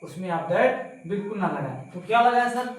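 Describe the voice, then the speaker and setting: A man teaching a slow grammar lesson to pupils, repeating points and asking them questions. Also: high-pitched, lively intonation, recorded from a distance. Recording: very echoey room, voice from off-mic.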